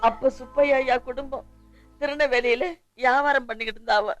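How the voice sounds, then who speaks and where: An actor playing an elder who recounts how a family split apart, in a Tamil film. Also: male voice, very high voice, steady tone, fairly quick, fairly bright tone, dull audio, soft background music. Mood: recounting.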